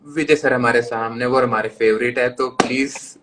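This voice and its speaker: A man's voice: medium pitch, fairly even intonation, moderate pace. Polite Indian man hosting, faint hiss. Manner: polite, eager, apologetic. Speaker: interview host. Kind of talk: casual interview. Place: live stream video call. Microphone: video call.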